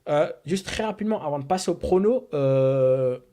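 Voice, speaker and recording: Guy on a football podcast, lots of uhs and pauses, reading names off a list. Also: a little high, animated, dark tone. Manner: hesitant, many filler pauses while reading a list. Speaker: podcast co-host. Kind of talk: casual sports podcast talk.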